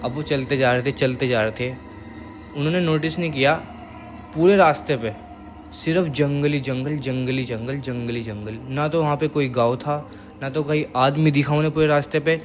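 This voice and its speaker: A young man casually telling a horror story, repeating phrases for suspense and dropping his voice to a hush. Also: fairly high pitch, fairly quick, faint music behind.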